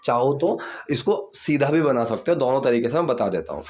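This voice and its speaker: A man's voice: mid-range voice, lively intonation, brisk, darkish tone. Patient man teaching English grammar. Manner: patient, repeats "theek hai" often. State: sore hands from the gym. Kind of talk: grammar lesson explaining sentences.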